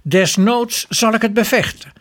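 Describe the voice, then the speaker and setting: A man's voice: sits high, a little slow, fairly bright tone, voice pushed up. A man voicing Peace, a stern, combative figure in a storybook tale, speaking challengingly. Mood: defiant.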